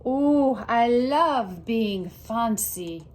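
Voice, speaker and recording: Proud and delighted, a woman plays an excitable little girl in a storybook who adores fancy things, giving her a dramatic, grandly precious delivery. The voice is a little high and draws out its words.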